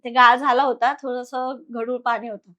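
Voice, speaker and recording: A woman's voice: a little high, normal speed. Woman narrating a horror tale conversationally. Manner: conversational, animated retelling with quoted voices. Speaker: guest storyteller. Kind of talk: casual spoken horror story.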